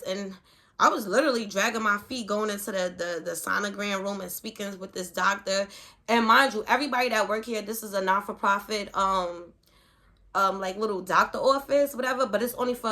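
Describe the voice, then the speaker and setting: A pregnant woman chats to her camera with a bright, ringing voice. Her story spills out in an animated ramble, each thought hooked to the next with "like". Her pitch sits in the middle for a woman. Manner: animated and rambling, leaning heavily on "like". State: pregnant, with hiccups and heartburn.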